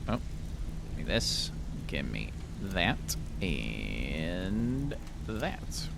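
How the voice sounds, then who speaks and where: Slow, lively-pitched man gaming. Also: creaky, background noise. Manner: rambling, joking asides. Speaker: gamer. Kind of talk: let's play commentary.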